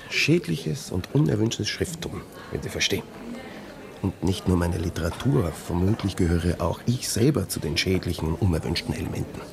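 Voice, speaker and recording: Haunted writer, restless swinging pitch. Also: male voice, animated, creaky, a crowd in the background. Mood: deferential. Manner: agitated, brooding, halting repetitions and muttering. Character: haunted, fearful male writer, anxious and bitter. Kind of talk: radio play acting.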